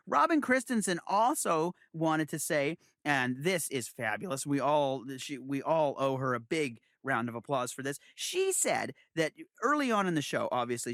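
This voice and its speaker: A man's voice: mid-range voice, a bit bright, dry recording, studio quality. A man co-hosting a casual chat show, rambling with frequent restarts and chuckles. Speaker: co-host.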